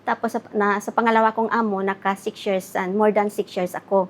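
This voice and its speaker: Soft-spoken Filipino woman in her fifties. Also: mid-range voice, flat delivery, fairly quick, a little hiss or hum. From Philippines. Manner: soft-spoken, respectfully addresses the pastor, acts out quoted dialogue. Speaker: guest sharing her testimony. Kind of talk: interview testimony.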